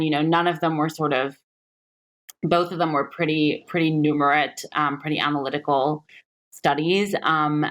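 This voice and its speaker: Low-voiced woman investor, unhurried. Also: fairly bright tone. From Singapore. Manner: reflective, many "um" pauses. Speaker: investor guest. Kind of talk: podcast interview.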